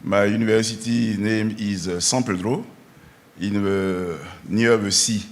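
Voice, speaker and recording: A man from Côte d'Ivoire with an Ivorian French accent speaks careful, halting English in an improvised formal address, slipping into French. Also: lowish voice, fairly even intonation. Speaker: university representative speaking at a congress.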